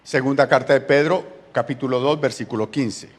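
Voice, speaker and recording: A man with a Colombian Spanish accent preaching a sermon, telling the story with lively acted-out voices. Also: medium pitch, a little fast, long reverb tail. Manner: animated storytelling, acting out quoted voices. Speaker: pastor.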